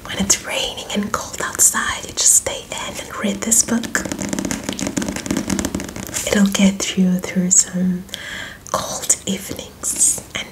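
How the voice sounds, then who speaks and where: A young woman performs a whispered role-play as a friendly librarian. She keeps to a soft library whisper at a very slow, unhurried pace, helpful and gentle in how she guides the listener. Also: mid-range voice, flat delivery, low-quality recording. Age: young adult. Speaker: ASMR performer playing a librarian. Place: small indoor room with bookshelves.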